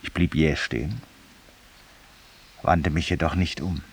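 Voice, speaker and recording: A bass, slightly rough, exaggerated voice belongs to an actor playing a haunted, weary, ironic man who confides in a stranger. His speech is deliberate, literary, and formally polite, in a reflective mood typical of 1950s German radio drama. The old recording hisses and places him at a distance.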